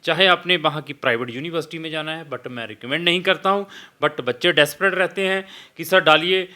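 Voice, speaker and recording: A man speaking as an immigration consultant in an advisory video for students. He explains steadily, mixes in English phrases and often pauses on "uh". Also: a little high, pushed and bright.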